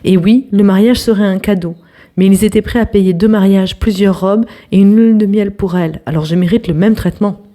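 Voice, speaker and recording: Speaking a bit quickly at medium pitch, a young woman reads an online post aloud for her viewers as a storytelling host. She's lively throughout, with hushed asides and chatty commentary mixed in.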